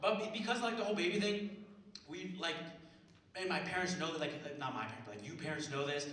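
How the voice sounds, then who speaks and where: A man's voice: a little high, fast, fairly bright tone. A young man doing a stand-up comedy set on a theater stage, talking loosely and profanely with lots of fillers and slang. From Mexican heritage. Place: small theater stage with live audience. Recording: roomy theater sound from a distant mic, crowd audible.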